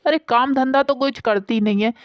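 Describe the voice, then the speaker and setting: A woman voicing an indignant, sharp-tongued young daughter-in-law in a storybook tale. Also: high voice, moderate pace, no echo, studio quality, pitched above the performer's own voice, lightly acted. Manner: sulky, indignant.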